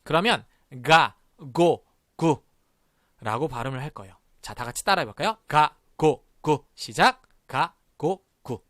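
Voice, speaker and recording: A man in his thirties teaching Spanish pronunciation in a live online lesson, leading the class in repeat-after-me drills and sounding syllables out slowly. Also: on the high side, expressive, a bit bright, no room sound, studio quality. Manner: leads repeat-after-me drills with a cheerful call of "start".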